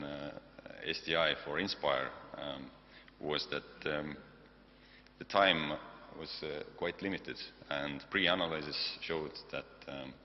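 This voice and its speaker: A man from Estonia with an Estonian accent, giving a technical conference presentation in a halting, hesitant way with frequent pauses. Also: very deep voice. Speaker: conference presenter, software developer side. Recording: dull, noisy hall recording with long reverb, hum.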